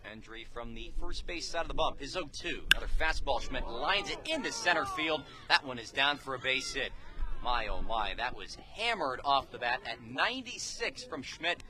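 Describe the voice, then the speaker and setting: Calling a baseball game live on the radio, a man uses clipped, descriptive phrases in an expressive, mid-range voice at normal speed. A crowd can be heard in the background, since he's beside the field at an outdoor ballpark.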